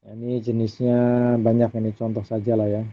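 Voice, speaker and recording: A man giving a relaxed recorded lecture over slides, often tagging his sentences with a questioning "ya". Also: on the low side, a little fast, dry recording. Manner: relaxed, adds tag "ya" often. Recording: dry, phone-like audio.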